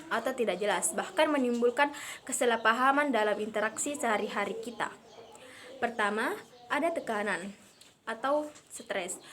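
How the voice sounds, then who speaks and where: A young woman reading a language lesson aloud as a student presenter, steady but dotted with hesitant fillers. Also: on the high side, slight background noise. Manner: reads steadily with frequent "eh" fillers and restarts. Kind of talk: read-aloud lesson explanation.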